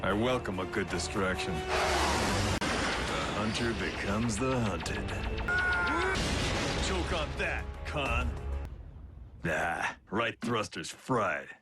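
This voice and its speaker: In this animated series, a male actor plays a battle-worn, swaggering robot rogue with a laconic, wry drawl. He speaks slowly at a fairly low pitch, pausing often, with loud music behind him, and sounds cool and wry.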